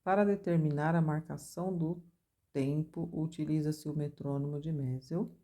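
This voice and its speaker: Low, mellow-voiced woman teaching music. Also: steady tone, normal speed. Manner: explains step by step, chants rhythm syllables with stress. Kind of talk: recorded music theory lesson.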